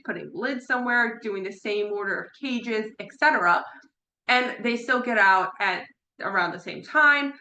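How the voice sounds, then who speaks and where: Woman, parrot behavior consultant, chatty lecture, bright voice, echoey room. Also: fairly high pitch, slight background noise. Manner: chatty, repeats words for emphasis, laughs now and then. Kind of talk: informal online lecture. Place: room at home with her birds.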